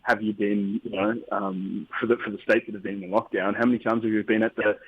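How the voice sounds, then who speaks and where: A man talks upbeat and rambling, circling back over his words as he answers questions. His voice sits a bit low and comes through a tinny phone line. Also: flat delivery, brisk, husky. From Australia. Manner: rambling, upbeat, many restarts. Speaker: musician guest. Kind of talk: casual interview over the phone.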